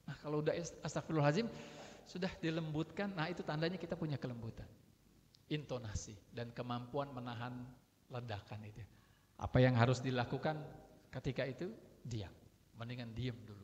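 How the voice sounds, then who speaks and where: A man's voice: medium pitch, a little fast, darkish tone, muffled recording. A man preaching in an echoing hall. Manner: conversational, acts out everyday quarrels. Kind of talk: religious sermon. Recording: long hall reverb.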